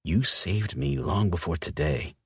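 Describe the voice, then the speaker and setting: A man voicing a gruff, protective werewolf man in an audiobook, talking low, tight and intense. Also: a little slow, no echo, full character voice. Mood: tender. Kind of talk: audiobook character voice.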